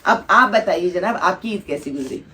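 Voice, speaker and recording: A woman's voice: on the low side, lively intonation, normal speed, bright, forceful tone. Coaxing woman hosting children. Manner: coaxing, teasing, leads applause. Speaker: host of a children's shelter event. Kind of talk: casual talk with children before a gathering. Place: children's shelter gathering.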